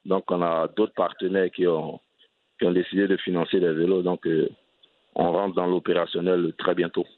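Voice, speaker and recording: Ivorian man, cycling advocate guest, earnest, lowish voice, dry thin phone-like audio. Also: level tone, normal speed, dry recording. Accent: Ivorian French. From Côte d'Ivoire. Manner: earnest, restarts phrases often. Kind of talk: radio interview answers. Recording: dry, tinny phone-line sound.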